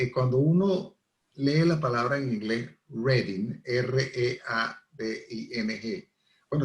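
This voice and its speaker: A middle-aged man with a Venezuelan accent, a language professor explaining things with examples as a radio interview guest. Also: medium pitch. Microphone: radio studio microphone. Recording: echoey radio studio sound.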